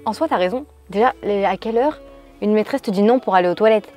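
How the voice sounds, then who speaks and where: Chatty woman vlogger reading out viewer stories, quick talker, bit of music low in the back. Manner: chatty, animated reactions.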